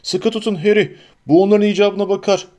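A huge, gruff half-giant bellows reassurance in an urgent, fairly high voice, as the narrator of an audiobook puts him on. He sounds protective and steady. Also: a little fast, lightly acted. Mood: urgent reassuring.

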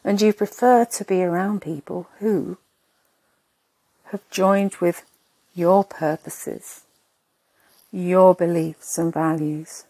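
Woman, sleep meditation narration, soft husky breathy voice, slightly low pitch, hushed and soothing, very dry close sound. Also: steady tone, no echo, low-quality recording. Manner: hushed, unhurried delivery in short, spaced phrases.

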